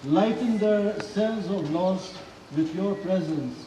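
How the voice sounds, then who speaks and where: A man's voice: high-pitched, takes it slowly. A man reading solemn funeral intercessions as a minister. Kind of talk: solemn funeral prayer, read liturgy. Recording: roomy distant pickup, clear background noise.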